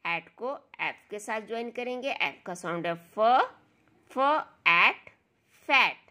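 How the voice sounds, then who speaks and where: A woman's voice: medium pitch, moderate pace, fairly bright tone. A woman teaching children phonics, sounding out each letter and word, speaking.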